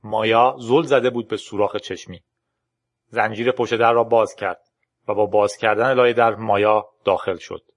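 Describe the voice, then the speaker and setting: A man narrating an audiobook in a calm, steady manner. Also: lowish voice.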